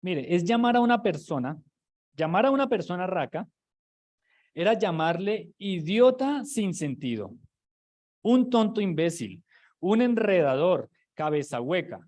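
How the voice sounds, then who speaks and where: A man teaches from the pulpit in a loose, conversational way, restarting phrases and throwing rhetorical questions at his congregation. His voice sits a little on the high side for a man. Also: very animated, unhurried, darkish tone. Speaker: preacher. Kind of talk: sermon teaching.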